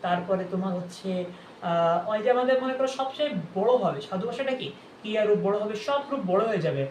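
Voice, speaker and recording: A woman's voice: medium pitch, expressive, brisk, a little mellow, roomy sound, recorded from a distance, a little hiss or hum, rough recording. A woman teacher gives an exam-prep grammar lesson, asking her students questions and answering them herself.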